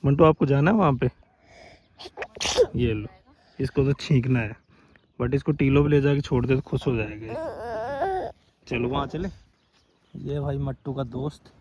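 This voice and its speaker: A man with a hoarse, scratchy throat narrating a casual outdoor vlog as he walks over dunes and up a forested hill, chatting to his viewers. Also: medium pitch, sing-song, measured pace, long pauses, a little mellow, lo-fi sound. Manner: chatty, keeps calling viewers "brother". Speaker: vlogger.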